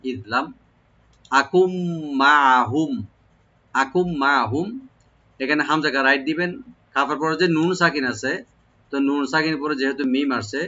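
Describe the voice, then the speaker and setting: Bright-voiced man teaching Quran recitation. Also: medium pitch, muffled recording. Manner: breaks off to spell out letter sounds, repeats words slowly and drawn out. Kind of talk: tajweed lesson, explaining then reciting verses slowly.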